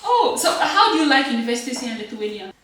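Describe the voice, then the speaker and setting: A woman's voice: on the high side, big pitch swings, fast, fairly bright tone. A young woman hosting a casual interview while cooking, upbeat and talking straight to her viewers, in a home kitchen. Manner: upbeat, talks to viewers directly. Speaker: host. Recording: echoey kitchen, camera from far off. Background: cutlery and pans clattering.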